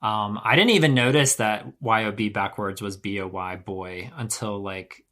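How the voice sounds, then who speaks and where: A man's voice: fairly low pitch, normal speed, a bit bright. A man from the US hosting a podcast, talking in a rambling, enthusiastic, exclamatory way. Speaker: podcast host. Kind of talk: casual video-call chat.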